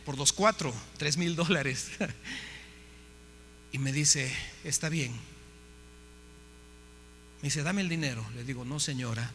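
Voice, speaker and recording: A man, a pastor, telling a story in a sermon with lively acted-out dialogue. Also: on the high side, slow, long pauses. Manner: animated storytelling, acting out dialogue. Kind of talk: sermon testimony. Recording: hall reverb, faint hum.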